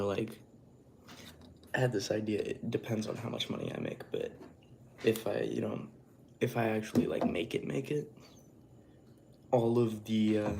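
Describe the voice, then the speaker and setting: A man's voice: fairly low pitch, mellow. A man chatting casually on a cooking livestream, rambling along and swearing offhandedly. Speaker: livestream host. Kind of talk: casual livestream chat while cooking and eating. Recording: clearly noisy room ambience.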